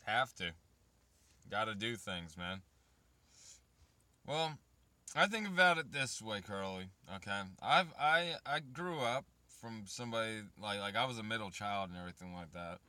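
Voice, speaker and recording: He's a male vlogger in his thirties, cursing casually and wandering between topics like waiting and raising children as he talks right to his chat. The voice is lowish and animated, pushed and bright, moving at a moderate pace over a dry recording.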